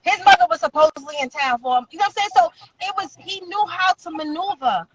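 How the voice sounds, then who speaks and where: A woman's voice: very high voice, sing-song, fast, no echo, muffled recording. A woman guest on a live talk show, crying as she tells an earnest personal story with insistent emphasis.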